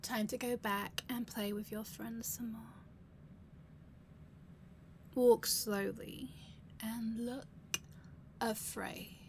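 Seductive female bank robber played by a woman, ASMR role-play as intimate pillow talk: very slow, breathy, commanding, with a creaky edge. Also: a little high, a little hiss or hum. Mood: teasing, commanding. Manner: breathy, sultry, lingering pauses, sighs and murmurs.

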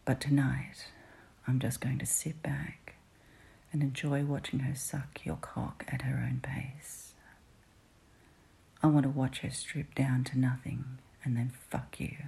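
A woman whispers close to the ear in an intimate adult roleplay. Her voice is very breathy and dark, with a heavy gravelly fry. She keeps a slow, flat, unhurried delivery. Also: a bass voice. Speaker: audio roleplay performer.

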